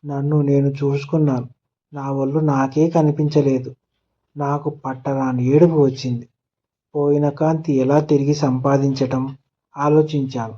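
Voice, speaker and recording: A man narrating a children's moral story in a gentle storybook manner. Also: medium pitch, flat delivery, unhurried, highs cut off. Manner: gentle storybook telling, voicing characters' lines in turn.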